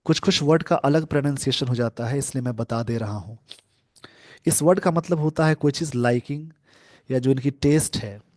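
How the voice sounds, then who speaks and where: Man slowly explaining grammar. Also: medium pitch, a little mellow, no room sound, clean studio sound. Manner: explains word by word, reads English phrases slowly. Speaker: English teacher. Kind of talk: newspaper editorial lesson.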